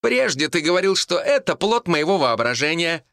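A man's voice: a little high, very animated, moderate pace, fairly bright tone, dry recording, studio quality, pitched above the performer's own voice. A man voicing a defiant young village woman who mocks her enemy. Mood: teasing. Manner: teasing, defiant.

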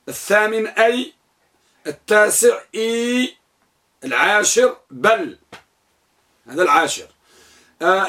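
A man with a high-pitched voice leads a classroom grammar lesson. He drills his students with questions and repeats each answer back to them. Then he recites a long list one item at a time in a steady rhythm. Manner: lists items in a steady recital. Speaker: grammar teacher.

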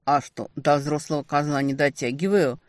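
A cocky male demon who teases and lays claim with smug calm, as a woman reading an audiobook puts him on. The lines come mocking and self-assured. The sound is dry, close and free of echo. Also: deep voice, moderate pace, close to an everyday voice. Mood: teasing.

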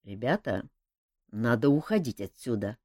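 A twitchy, sardonic wizard , as a woman voices him, muttering his worries in a lowered, dry tone. Close, dry reading. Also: expressive, normal speed, mellow, dry recording. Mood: uneasy. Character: nervous, sardonic male mage adventurer.

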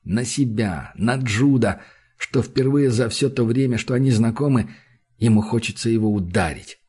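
A man reading a literary novel aloud in a measured, intense manner. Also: medium pitch, warm tone, breathy edge. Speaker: audiobook narrator. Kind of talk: scripted literary narration.

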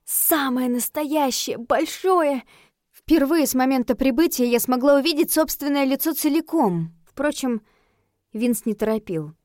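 A woman reading a first-person fantasy novel aloud, lively and expressive. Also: high voice, unhurried, dry recording, studio quality. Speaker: audiobook narrator.

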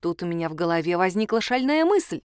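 A woman narrating a first-person story in a lively, wry way, often indignant. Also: fairly low pitch, quick pace, smooth, no echo, studio quality.

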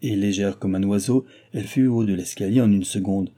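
A man reading a classic novel aloud in measured, even narration. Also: lowish voice. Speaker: audiobook reader. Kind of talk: scripted narration.

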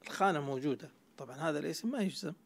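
A man's voice: a little high, expressive, rapid-fire. A man teaching Arabic grammar in a classroom lecture, explaining step by step and quizzing his students.

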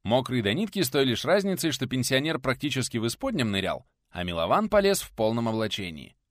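Guy reading an audiobook, really lively pitch, dry close mic. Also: a little fast, dry recording. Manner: expressive, animated storytelling. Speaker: audiobook narrator. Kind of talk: scripted audiobook narration.

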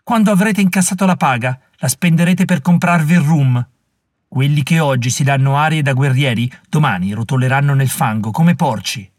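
A man's voice: mid-range voice, moderate pace, dry recording, studio quality, close to an everyday voice. A man reading an audiobook voices a fierce young Mohawk woman who scolds warriors scornfully and commandingly. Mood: fierce scorn.

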